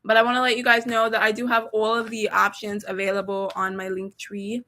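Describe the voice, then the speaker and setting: A woman's voice: mid-range voice, flat delivery, brisk, pushed and bright. A young woman from Texas with a slight Southern accent, chatting casually with viewers on a tarot livestream in a slangy, direct way. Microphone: phone or laptop mic.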